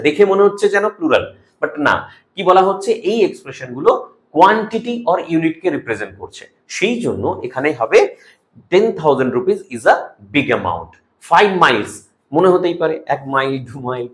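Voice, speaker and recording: A man with a Bengali accent teaching English grammar rules for an exam, explaining each rule and reading example sentences slowly and deliberately, checking in with "okay?" as he goes. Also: a little high, lively intonation. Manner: mixes English terms into Bengali, asks "ok?" often. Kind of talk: exam-prep grammar lesson.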